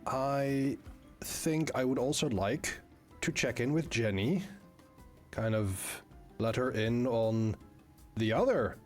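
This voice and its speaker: A man's voice: mid-range voice, animated, takes it slowly, pauses often, soft background music. A man playing a tabletop game, chatting casually with hesitant fillers and restarts. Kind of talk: casual role-play chat.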